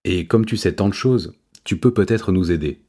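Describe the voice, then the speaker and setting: A man voicing a gruff, practical male cat who speaks bluntly. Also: deep voice, moderate pace, darkish tone.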